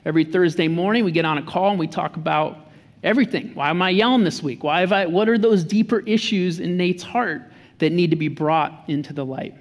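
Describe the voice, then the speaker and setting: An earnest man in his thirties delivers a sermon in a church. His voice sits high, and he often circles back and repeats a word before pressing on. The sound rings out with the long reverb of a large hall. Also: fairly quick. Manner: earnest, restarts and repeats words. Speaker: pastor.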